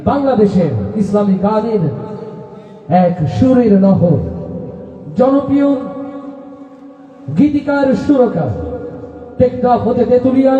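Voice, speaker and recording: Male stage announcer, high and mellow, chanting calls; distant, dull recording. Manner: sings lines, chants, calls out to the crowd. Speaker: stage announcer at a religious gathering. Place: outdoor religious gathering with loudspeakers. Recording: echoey outdoor PA sound, far off, dull.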